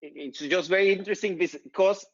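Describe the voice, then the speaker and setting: A man, hosting a casual panel chat over a video call and speaking in a measured way with many fillers. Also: high-pitched, muffled recording. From northern Mexico. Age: 50s. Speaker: company CEO and host.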